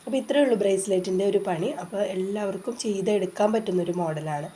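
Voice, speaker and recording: A woman with a warm, mid-range voice hosts a casual craft tutorial at a fast pace, talking through each step patiently and chattily with plenty of filler sounds. Her congested, cold-stuffed voice comes with a little hiss or hum, and rain can be heard outside.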